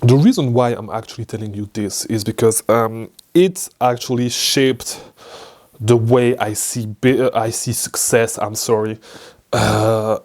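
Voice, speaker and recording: A young Belgian man whose first language is French speaks English with a Belgian French accent, rambling casually to camera as an online business coach with fillers and restarts. His voice is fairly low and darkish in tone, and he talks a little slowly.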